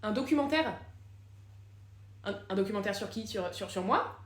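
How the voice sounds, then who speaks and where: A woman's voice: mid-range voice, lively intonation, normal speed, close to an everyday voice. Woman voicing a cocky male bird. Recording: echoey room.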